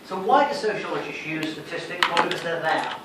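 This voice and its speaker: This sociology lecturer has a high voice and talks fairly quickly, teaching a revision class in a didactic way and often posing questions he then answers himself. The distant mic picks up heavy room reverb and noticeable background noise in the lecture room.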